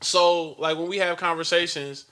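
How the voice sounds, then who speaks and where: Bright-voiced laid-back male podcast host. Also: a little high, steady tone, normal speed, smooth. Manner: laid-back, laughs often, acts out dialogue with his daughter. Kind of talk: casual chat.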